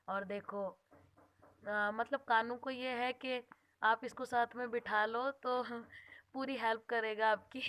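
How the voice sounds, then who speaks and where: A young woman from India narrating a casual home vlog while doing chores and minding her baby. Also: medium pitch. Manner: chatty, talks to the viewer while doing chores. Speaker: vlogger mother. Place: home kitchen.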